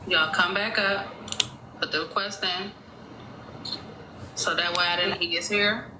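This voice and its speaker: Captured on a phone in a noisy, echoing room, a woman plays judge in a mock court livestream, calling jurors forward and firmly keeping order. Her pitch is fairly low, her intonation fairly even, and her pace measured.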